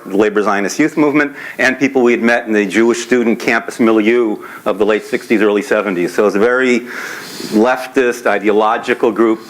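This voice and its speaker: Lower-pitched man telling a relaxed panel story. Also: rough recording. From grew up in the San Francisco Bay Area. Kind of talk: panel talk.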